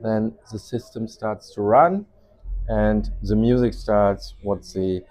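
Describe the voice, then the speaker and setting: Informally demonstrating a product as a company representative, this man has a fairly low, steady, slightly mellow voice and a German accent. He speaks non-native English haltingly, often searching for his phrasing.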